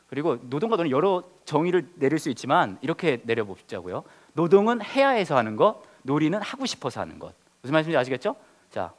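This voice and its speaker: A man, a pastor, leading a Bible study lesson, asking his listeners questions and joking with them. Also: fairly high pitch. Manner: lively teacher, quizzes the group, jokes.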